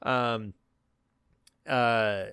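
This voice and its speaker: A man's voice: mid-range voice, steady tone, very slow, a bit bright, smooth, no room sound, clean studio sound. A man co-hosting a podcast, talking casually and earnestly about a film he is enthusiastic about. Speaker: podcast co-host. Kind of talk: casual, reflective film discussion.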